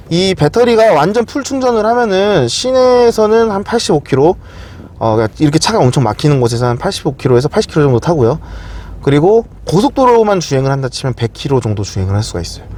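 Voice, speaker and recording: A man's voice: fairly high pitch, sing-song, quick pace, a little mellow. A man presenting a casual explanatory walkthrough, often asking questions and answering them himself. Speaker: car video presenter.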